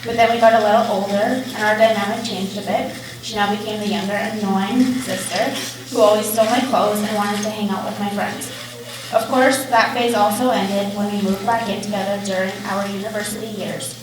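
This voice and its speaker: A woman's voice: mid-range voice, fairly even intonation, brisk. Young woman's wedding toast, very echoey. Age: young adult. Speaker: bride's older sister giving a wedding toast. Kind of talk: wedding toast, prepared speech. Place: large echoey indoor reception room, mic far away. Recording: very echoey, distant, noisy event hall.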